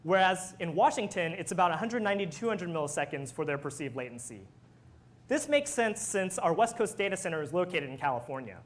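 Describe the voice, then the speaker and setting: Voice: medium pitch, lively intonation, brisk. A technical presenter of unclear sex explaining things step by step in a prepared talk. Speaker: software engineer presenter.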